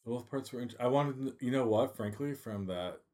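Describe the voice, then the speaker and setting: A man's voice: medium pitch, moderate pace, dark tone. A man co-hosting a casual chat, joking and playful. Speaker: podcast co-host.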